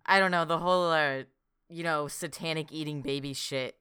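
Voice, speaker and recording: Young male podcast co-host, smooth crisp voice, dry close sound, rambling and swearing. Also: on the high side, steady tone, normal speed, pushed and bright, dry recording. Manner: rambling, swears casually, lots of "like". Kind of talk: casual chat.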